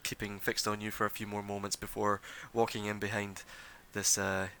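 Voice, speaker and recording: Male game master, lowish voice, sharp bright tone, rambling delivery. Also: completely flat delivery, normal speed. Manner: loose, rambling, full of fillers and restarts. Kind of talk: narrating a tabletop game.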